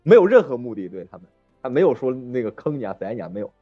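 A man's voice: medium pitch, sing-song, quick pace, no room sound, lo-fi sound, soft background music. A man hosting a casual podcast chat, telling stories animatedly and acting out the people in them. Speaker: podcast host.

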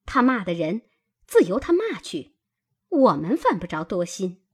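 A woman reader voicing a sensible young maidservant who reasons in a calm, soothing way. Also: medium pitch, a little slow, breathy edge, full character voice.

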